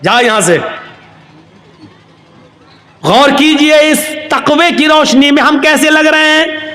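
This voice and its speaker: A man's voice: extremely high pitch, little pitch movement, measured pace, bright, forceful tone. A man preaching a sermon, impassioned and acting out the voices of the people in his story. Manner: impassioned, acts out characters' dialogue. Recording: echoey hall.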